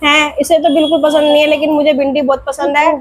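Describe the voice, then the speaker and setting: A woman's voice: high voice, little pitch movement, fast, slight background noise. A young woman vlogger and mother telling a home story in a chatty, rambling way, repeating herself as she goes, then drawing a moral.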